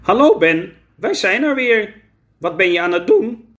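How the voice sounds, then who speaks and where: A man's voice: high voice, sing-song, measured pace, fairly bright tone, pitched above the performer's own voice, full character voice. Een man die een vriendelijke, naïeve huisbewoner speelt. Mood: curious.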